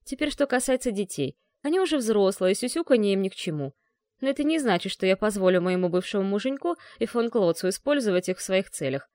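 A woman's voice: medium pitch, lively intonation, fast, a little mellow, no room sound, natural voice. A woman voicing a cold, dismissive woman who has been turned into a bio-robot. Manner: dry, dismissive.

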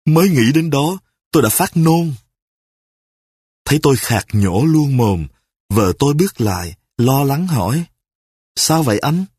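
A man reading a first-person story aloud in an expressive storytelling manner. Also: medium pitch, unhurried, slightly rough, dry recording, clean studio sound. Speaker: narrator.

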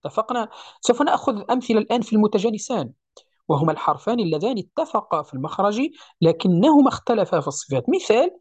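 A teacher giving a step-by-step recitation lesson, explaining patiently, checking often that the class follows, and slowing down to recite each example. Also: medium pitch, very animated, a little mellow, slightly rough, no echo. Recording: dull lo-fi recording, dry.

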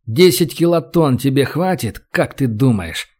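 A man's voice: medium pitch, expressive, unhurried, darkish tone. A man voicing a sarcastic, commanding young man who taunts and threatens. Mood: threatening.

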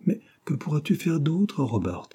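A worried middle-aged mother, read by a male narrator, exclaiming with alarm. The voice stays dark and husky, only slightly lifted for her. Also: a little high, sing-song, normal speed, voice pushed up. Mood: anxious.

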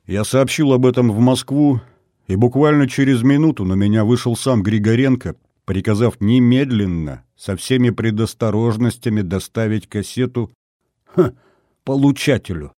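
A man reading an audiobook, voicing a gruff, guarded middle-aged male colonel who speaks in a matter-of-fact way. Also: medium pitch, normal speed, mellow, no room sound, studio quality, close to an everyday voice.

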